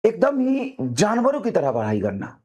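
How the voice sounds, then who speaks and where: Fiery high-voiced male teacher. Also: wildly swooping pitch, moderate pace, a little mellow, slightly rough, muffled recording. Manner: fiery, repetitive exhortations. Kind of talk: motivational talk to students.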